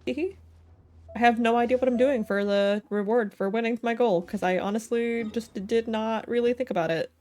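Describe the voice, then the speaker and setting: Over game music, a woman streams a game and chats casually, thinking aloud playfully with silly slang as she rambles. Her fairly high voice is brisk, a little mellow, and steady in tone.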